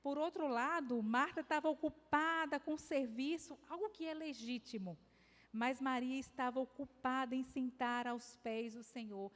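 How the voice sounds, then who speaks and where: High-voiced Brazilian woman speaking in a reverberant hall. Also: normal speed. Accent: Brazilian Portuguese. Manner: conversational and anecdotal, with gentle self-deprecating humor. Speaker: conference speaker. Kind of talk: devotional talk. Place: church hall.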